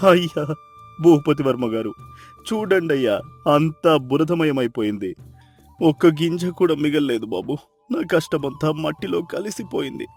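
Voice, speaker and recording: An actor playing a poor farmer who pleads and despairs with anguish in a storybook drama. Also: male voice, fairly high pitch, expressive, a little slow, a little mellow, faint music behind. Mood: begging. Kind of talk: storybook voice acting.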